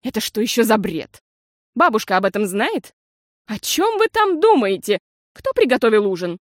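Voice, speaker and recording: A woman voicing a fussy aunt who is easily shocked and scolds loudly. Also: a little high, big pitch swings, moderate pace, dry recording, clean studio sound. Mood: alarmed scolding. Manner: loud, scolding exclamations.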